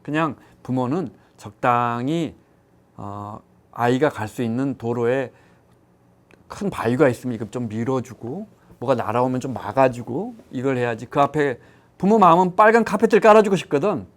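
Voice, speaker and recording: A man's voice: medium pitch, moderate pace. Middle-aged guy on a talk panel, telling stories, does little voices for the quotes. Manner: storytelling, animated quoting of others. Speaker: economics show panelist. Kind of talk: casual chat.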